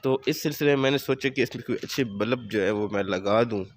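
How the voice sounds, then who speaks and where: A man with a sore throat explaining car modifications in a casual video, speaking in a measured, advising way with frequent fillers. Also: mid-range voice. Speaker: car vlogger. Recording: faint background noise.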